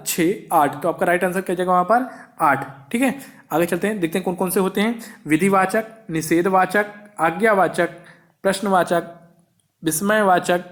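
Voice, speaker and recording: A man teaching an exam-prep grammar lesson, who keeps asking questions and answering them himself. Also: high voice.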